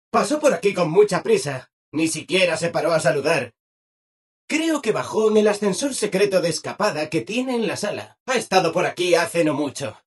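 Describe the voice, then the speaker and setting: A relentlessly chirpy video game robot, speaking with a Castilian Spanish accent. The voice sits high and swoops up and down with a slightly husky edge. It is servile and fawning, eager to please in every phrase. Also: male voice, exaggerated voice. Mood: cheerfully helpful. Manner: exaggeratedly upbeat, fawning, sing-song.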